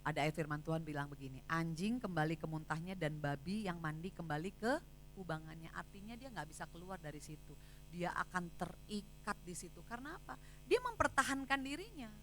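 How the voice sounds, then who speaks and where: A woman pastor, preaching a sermon in an emphatic way that climbs high when she retells a story. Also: expressive, fairly quick, fairly bright tone, slight background noise. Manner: emphatic, rising sharply when retelling anger. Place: church hall.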